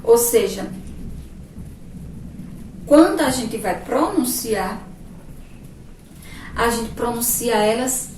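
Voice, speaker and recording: A Brazilian woman with a fairly high, lively, somewhat dark voice teaches young children remotely, going slowly and patiently and asking them lots of questions. She has a Brazilian Portuguese accent. The mic is distant, giving a roomy echo with faint background noise.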